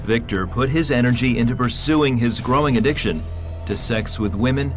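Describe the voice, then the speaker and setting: A man reading scripted documentary narration in a measured, even way. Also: mid-range voice, soft background music.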